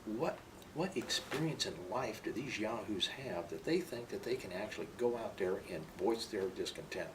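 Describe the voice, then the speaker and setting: A man's voice: fairly low pitch, lively intonation, normal speed. An older man, a military veteran, remembering his past in an interview in an opinionated, emphatic way. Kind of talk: reminiscing in an interview. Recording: distant microphone, clearly noisy room.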